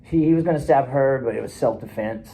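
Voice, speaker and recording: A man playing a troubled fifty-one-year-old client sent by the court in a counseling role-play, talking in a hesitant, halting, earnest way. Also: mid-range voice, dark tone, slight background noise, natural voice, poor audio. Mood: subdued.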